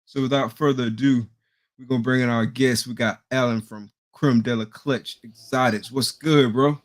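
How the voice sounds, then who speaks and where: A man's voice: mid-range voice, steady tone, moderate pace. A man hosting a live interview stream, greeting viewers by name in slangy, hyped talk before bringing in his guest. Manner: hyped, slangy, shouting out chat names. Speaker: podcast host.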